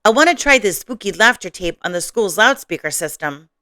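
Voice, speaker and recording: A woman's voice: mid-range voice, animated, a little fast, pushed and bright, no room sound, clean studio sound. A woman voicing a boisterous, prankish father bear in a storybook read-aloud, with a hammy, theatrical manner. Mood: cheerful.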